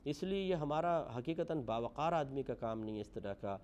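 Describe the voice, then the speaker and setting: A man delivering a religious lecture, earnest and moralizing, his voice rising for emphasis and then dropping low. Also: lively intonation, darkish tone, muffled recording. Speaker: preacher.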